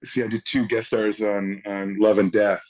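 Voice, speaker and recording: A man's voice: lowish voice, moderate pace. A man in his forties, an actor guest, telling anecdotes casually and acting out the people in them. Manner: animated storyteller who acts out the people he quotes. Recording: slightly dull lo-fi audio.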